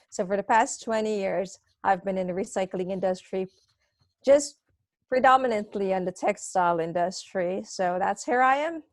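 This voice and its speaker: A woman's voice: mid-range voice, dry recording. A middle-aged woman from Guyana, a guest talking about recycling in a friendly, chatty way on a live video call.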